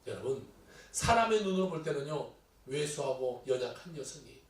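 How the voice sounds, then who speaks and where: A man preaching a sermon as pastor, telling a story with lively acted-out quotes in a church sanctuary. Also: medium pitch, normal speed. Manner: animated storytelling, acting out quoted voices. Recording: echoey hall, distant mic.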